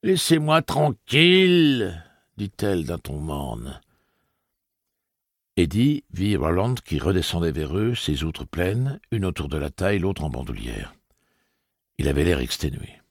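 A man reading a novel aloud as audiobook narrator, in a measured storytelling manner. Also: rumbling low, very animated, darkish tone, husky, no room sound, clean studio sound. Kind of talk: scripted narration.

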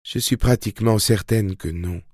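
A man's voice: lowish voice, normal speed, a little mellow, no room sound, studio quality, lightly acted. A man voicing a wary young woman in labor pain, speaking guarded and bitter.

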